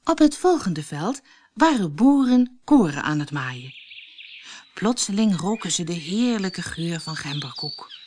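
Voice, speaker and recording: A woman from the Netherlands narrating a children's fairy tale audiobook in an expressive way. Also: on the low side, unhurried, slight background noise.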